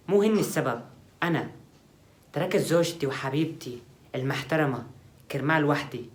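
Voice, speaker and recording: Male actor, Syrian roommate, drinker, picks quarrels, mid pitch, sketch comedy. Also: lightly acted. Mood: confessing. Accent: Syrian Arabic.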